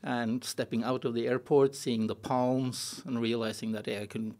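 Man, middle-aged, from Norway, mid-range voice, relaxed, dry humor, hesitant, podcast guest, desk mic. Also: mid-range voice, moderate pace. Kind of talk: casual interview chat. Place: studio set with blue walls and a wooden table. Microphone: desk podcast mic on boom arm.

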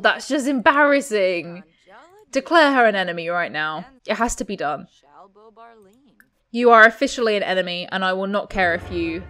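A woman giving chatty, excitable Let's Play commentary and talking to her game characters. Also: medium pitch. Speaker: gaming YouTuber.

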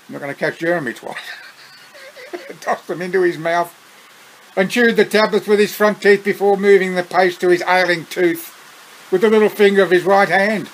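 A man with an Australian accent reads his own story aloud without hurry, breaking off for chuckling asides. His voice sits high, and the recording is rough.

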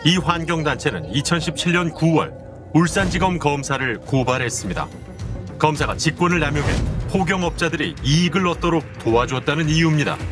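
A man narrating an investigative documentary in a measured, serious tone. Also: a little high. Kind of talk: scripted narration. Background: music.

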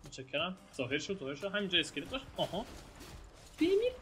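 A young man giving excitable, casual commentary while playing a video game, shouting and groaning at the action. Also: sits high, faint music behind. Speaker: gameplay streamer. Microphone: home mic with some noise.

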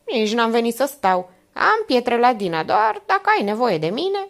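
A woman's voice: on the high side, sing-song, creaky, a bit bright, pitched above the performer's own voice, heavily acted. A woman voicing a polite, insistent older aunt. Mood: pressing. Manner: coaxing, insistent questioning.

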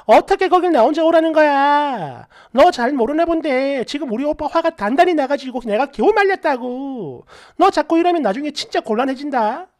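A woman's voice: sits high, expressive, brisk. Woman doing a pushy, condescending female friend. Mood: demanding. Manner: demanding, condescending, loud.

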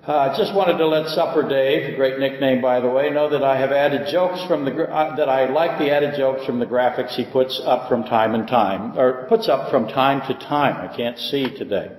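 A man's voice: mid-range voice, moderate pace, hardly any pauses, darkish tone. An older male pastor with a lisp, giving a casual, joking Bible lecture and reading letters aloud. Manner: joking, self-deprecating, reads letters aloud. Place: church hall. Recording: echoey hall with long reverb.

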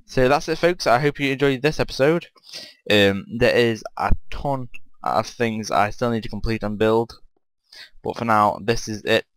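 Playing and building in a game, this channel host offers loose let's-play commentary, musing aloud and asking himself questions as he goes. He speaks in a mid-range voice at a moderate pace, with slight background noise.

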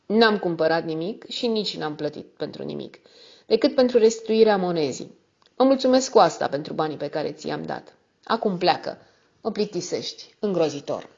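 A woman's voice: fairly low pitch, lively intonation, vocal fry, a little mellow, muffled recording. A woman reading a curt, domineering rich old woman. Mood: scornful.

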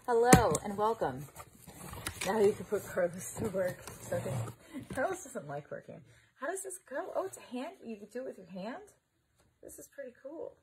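A woman vlogging live at home, chatting casually and thinking out loud as she unboxes a gadget. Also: a little high, sing-song, moderate pace, background noise. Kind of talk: casual live-stream chat.

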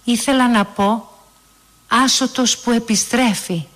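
A woman reads as a clever eleven-year-old boy in a family story, speaking earnestly and a little higher than the narration. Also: fairly bright tone, long reverb tail, close to an everyday voice.

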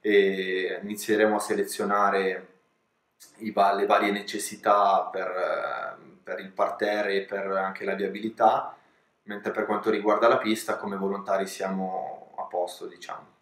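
A young man, president of a ski resort and race director, calmly answering interview questions in an office, measured and informative with brief hesitations. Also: sits low. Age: young adult. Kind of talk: calm seated interview answers. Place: office with pennants and souvenirs on the wall, indoors. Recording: roomy office echo.

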